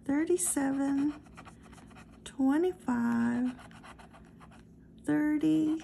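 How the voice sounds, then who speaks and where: A woman hosting a scratch-off ticket channel, reading numbers one by one in a slow, steady casual narration, recorded close indoors. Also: high voice, vocal fry, a little hiss or hum. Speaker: lottery scratch-off channel host.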